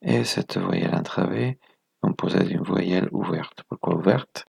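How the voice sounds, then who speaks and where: A man's voice: low voice, moderate pace, vocal fry, a little mellow, breathy edge, no room sound. A man presenting a video lesson, explaining step by step in a methodical way, counting items aloud and correcting himself as he goes.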